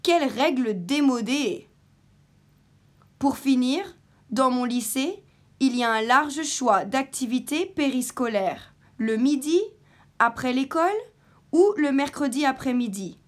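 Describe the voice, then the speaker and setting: A woman reading a scripted text slowly and carefully in short phrases, as a model for learners. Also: high voice, lively intonation. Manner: careful, evenly paced delivery in short phrases.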